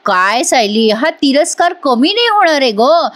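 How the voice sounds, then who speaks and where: A woman putting on a shrill scheming young woman. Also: big pitch swings, moderate pace, fairly bright tone, no echo. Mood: taunting. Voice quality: high, sneering, sing-song taunts.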